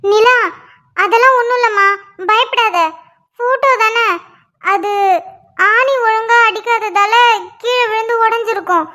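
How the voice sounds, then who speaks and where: A woman voicing a reassuring cartoon mother, high and bright. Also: unhurried, pauses often, exaggerated voice. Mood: soothing. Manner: reassuring, coaxing. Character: soothing middle-aged mother. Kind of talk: cartoon voice acting.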